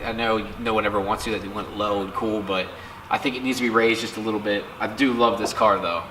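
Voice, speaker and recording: A man's voice: lowish voice, steady tone, fast, echoey room, noisy background. A man with a stuffy, allergy-blocked voice, talking casually about cars as a guest on a vlog, rambling and correcting himself. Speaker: guest car enthusiast.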